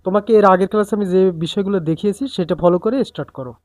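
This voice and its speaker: A woman's voice: medium pitch, racing, darkish tone, slight background noise. A woman teaching a beginner tabla, coaching and reciting the drum syllables in rhythm. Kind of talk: music lesson instruction.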